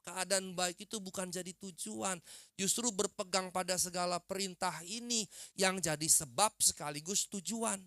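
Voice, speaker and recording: Bright emphatic Indonesian-style preacher man. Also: high-pitched, fairly even intonation, normal speed, no echo, studio quality. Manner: emphatic preaching with repeated phrases and questions to the congregation. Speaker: pastor. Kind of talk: sermon.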